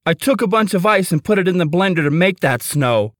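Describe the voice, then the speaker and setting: A man voicing an excitable, teasing older brother, a boy, in a read-aloud children's story. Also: sits high, a little fast, pitched above the performer's own voice. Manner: loud, gleeful, prankish.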